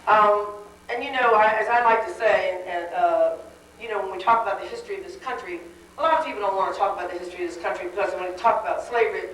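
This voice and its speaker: A woman's voice: mid-range voice, quick pace, fairly bright tone. A woman giving a wry, conversational dinner speech, heard on a worn VHS tape copy. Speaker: dinner speaker. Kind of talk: public speech. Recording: hissy worn tape, echoey hall from far off.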